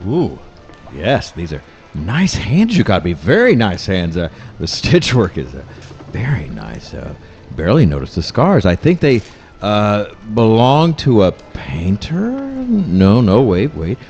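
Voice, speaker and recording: A man's voice: lowish voice, huge pitch swings, a little slow, a little mellow, dull audio, soft background music, exaggerated voice. A man voicing Frankenstein's monster as a rambling stammerer who savors his words in a comedy sketch. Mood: rambling, pleased. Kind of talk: live comedy trailer parody.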